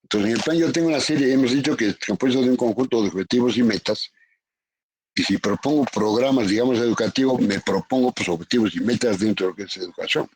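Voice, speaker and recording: Man lecturing slowly, repeating definitions. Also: medium pitch, darkish tone, slight background noise. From Peru. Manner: calls on students by name, repeats definitions with tag questions. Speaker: university economics professor. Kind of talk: lecturing in a virtual class. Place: home, online class. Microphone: computer mic on a video call.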